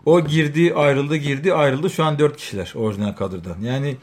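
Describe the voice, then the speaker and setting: A man's voice: fairly high pitch, brisk. A middle-aged man in casual chat, explaining things in a knowledgeable, matter-of-fact way. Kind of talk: casual chat about music and fashion.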